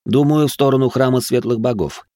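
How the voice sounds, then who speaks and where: A man voicing a polished, learned male noble sorcerer who speaks in a slow, lecturing way. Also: medium pitch, warm tone, dry recording, studio quality, voice pushed up, close to an everyday voice. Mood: measured.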